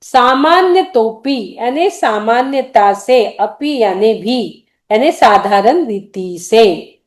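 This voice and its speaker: A middle-aged woman teaching a devotional hymn, explaining pronunciation syllable by syllable and chanting the verses slowly. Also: a little high, lively intonation. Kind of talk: recitation lesson with chanted verses.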